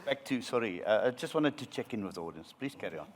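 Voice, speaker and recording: A man's voice: on the low side, lively intonation, fast talker. A man from South Africa running an audience poll at a live panel, teasing and jokey.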